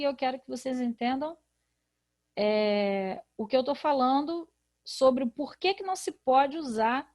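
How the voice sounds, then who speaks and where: A woman with a Brazilian Portuguese accent, a literacy teacher in a recorded video lesson who explains patiently and asks rhetorical questions. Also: high-pitched.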